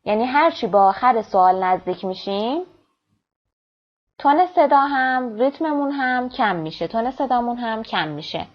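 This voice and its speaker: A woman teaching an English lesson. She reads the English example lines slowly and clearly, then explains them quickly in her own language. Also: on the high side, lively intonation. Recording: dull lo-fi recording.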